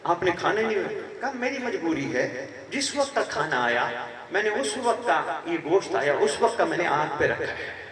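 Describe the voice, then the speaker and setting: A man with a Pakistani Punjabi accent preaches at a religious gathering. His fairly high voice swells into loud, emphatic peaks, then drops low as he tells a story. It reaches the listener from far off, with a long hall echo and a large crowd filling the background. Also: sing-song. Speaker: Shia cleric giving a majlis address. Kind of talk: sermon with storytelling. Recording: echoey PA sound from far off with crowd.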